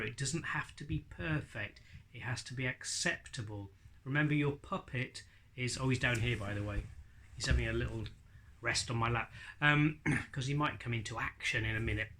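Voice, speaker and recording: A man in his forties teaches in an informal, explanatory way. His voice is bright and forward, sitting at a middling pitch. He breaks speech down into single sounds as he demonstrates. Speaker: ventriloquism teacher. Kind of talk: informal spoken tutorial. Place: living room with bookshelves and leather sofa.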